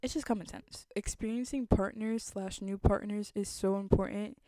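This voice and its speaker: A young woman vlogger talks casually to her viewers in a relaxed, mellow, mid-range voice with a slight lisp, at normal speed. Earnest and reflective, she sounds like she's thinking aloud. The recording is dry, with little room sound and no echo.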